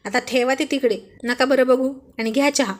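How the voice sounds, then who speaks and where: Brief: shy young wife, amused and gently scolding, read by a woman, raised pitch. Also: steady tone, normal speed, natural voice.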